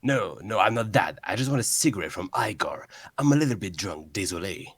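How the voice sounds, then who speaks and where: A man's voice: mid-range voice, lively intonation, unhurried, husky, no echo. A man voicing a drunk man with a hammy put-on English accent in a comic fan-fiction reading. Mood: drunk, cheeky.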